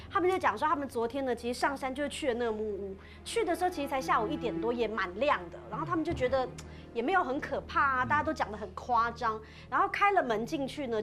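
A woman casually telling a ghost story on a podcast, chatty and animated, with many filler particles. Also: high voice. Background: background music.

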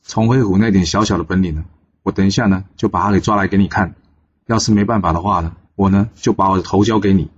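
A man voicing a proud, quick-tempered male officer who talks in a boastful, indignant way. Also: low-pitched, steady tone, slightly rough, no echo, highs cut off.

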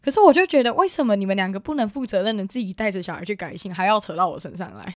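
A woman's voice: mid-range voice, animated, very fast, no room sound, studio quality. A young woman from Taiwan telling a personal family story in casual chat, rambling with many fillers and restarts. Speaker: guest.

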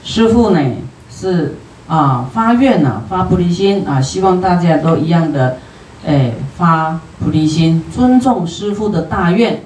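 A Buddhist teacher with a Taiwanese Mandarin accent gives a sutra lecture in a homely, chatty manner, dotting sentences with drawn-out particles. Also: mid-range voice, animated, a little mellow, a little hiss or hum. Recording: roomy hall, distant from the mic.

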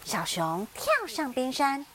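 Slow, gentle high-voiced storytelling mother. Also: wildly swooping pitch, a little hiss or hum. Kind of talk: children's bedtime story reading.

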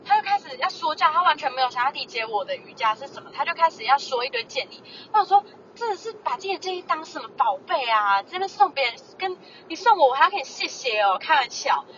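A young woman, her voice high and her words rushing out at great speed. She co-hosts a podcast in a casual, exasperated way, slipping into other people's voices. The audio is dull and lo-fi, with a faint hiss of noise behind it. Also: a bit bright. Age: early 20s. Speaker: podcast co-host. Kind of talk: casual chat, ranting storytelling.

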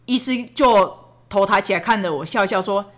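A woman's voice: mid-range voice, brisk. A mother who hosts a podcast and chats casually about parenting, acting out what people said. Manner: lively, chatty, acts out quotes. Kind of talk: casual storytelling chat.

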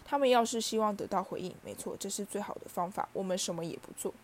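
A woman voicing a gruff, blustering middle-aged uncle who barks orders in a storybook reading. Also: mid-range voice, fast, lightly acted. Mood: grim. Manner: shouting, snapping orders.

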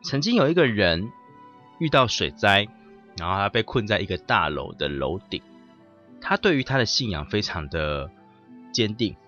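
A man's voice: on the low side, very animated, normal speed, pushed and bright. A man hosting a podcast who tells a story and reflects in a conversational, emphatic way. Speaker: podcast host. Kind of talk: storytelling monologue on dreams. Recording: muffled audio with faint music.

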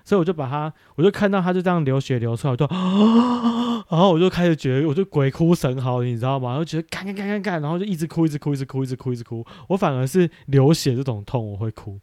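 A man hosting a podcast, chatting casually and telling stories with animated exaggeration. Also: a little high, racing, few pauses, no echo, clean studio sound. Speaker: podcast host. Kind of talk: casual chat.

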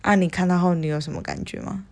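Young woman, Taiwanese Mandarin accent, low-ish voice, gravelly fry, podcast storytelling, acts out quotes. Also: fast. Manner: animated, acts out her own lines, swears casually. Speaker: podcast co-host. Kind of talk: casual chat, storytelling.

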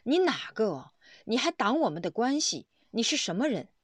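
A woman's voice: a little high, big pitch swings, moderate pace, slightly rough, no echo, clean studio sound, pitched above the performer's own voice. A woman voicing a young woman newly revived from death, wailing and indignant in a retold story. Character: young woman brought back from death, emotional.

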